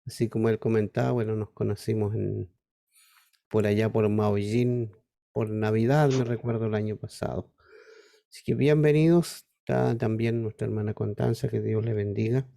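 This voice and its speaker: A man with a Chilean Spanish accent, a pastor teaching a Bible study class over a video call in an informal, unhurried way. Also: on the low side, fairly even intonation, vocal fry, dark tone.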